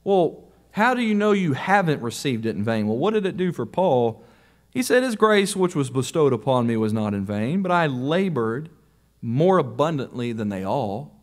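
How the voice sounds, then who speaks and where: A man's voice: medium pitch, big pitch swings, moderate pace. A man preaching a sermon to a congregation, emphatic, often rising on pointed questions.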